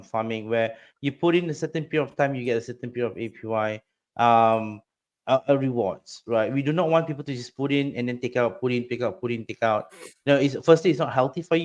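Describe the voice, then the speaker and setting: A middle-aged man from Singapore, a guest on a crypto podcast, chatting casually in a rambling, excitable way with many repeated words. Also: medium pitch.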